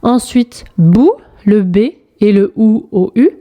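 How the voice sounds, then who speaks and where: A woman teaching very young pupils, correcting a worksheet and spelling out letters and sounds slowly and clearly. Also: medium pitch, lo-fi sound. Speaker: primary school teacher. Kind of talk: slow, clearly articulated lesson correction for young children.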